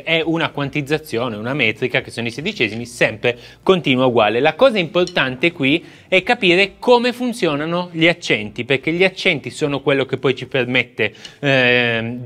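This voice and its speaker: A man's voice: medium pitch, moderate pace, few pauses, bright, forceful tone. A man teaching a drum fill in a casual video lesson, explaining step by step, counting aloud and vocalizing the rhythms.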